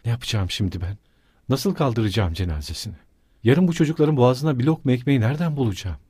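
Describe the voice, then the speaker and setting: A man's voice: medium pitch, expressive, quick pace, warm tone, breathy edge, no room sound, studio quality, voice pushed up. Man reading as an embittered consumptive mother. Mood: despairing. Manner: angry, accusing outbursts. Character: desperate consumptive poor mother, bitter and shrill.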